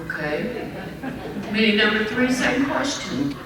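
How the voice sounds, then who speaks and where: A woman's voice: a little high, lively intonation, a little slow, gravelly. A woman panelist on a game show parody, playfully putting questions to the contestants. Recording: echoey room, distant mic, crowd noise.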